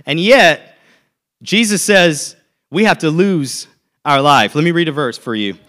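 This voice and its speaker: A man's voice: on the high side, animated, unhurried, fairly bright tone. A man in his thirties preaching a sermon as a pastor, telling a personal story in a conversational way and checking in with "okay?" often.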